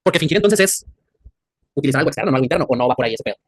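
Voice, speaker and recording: A man's voice: medium pitch, expressive, racing, dry recording. A man with a Mexican accent teaching an anatomy class, quizzing his students and joking in crude slang. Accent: Mexican Spanish. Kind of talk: classroom lecture.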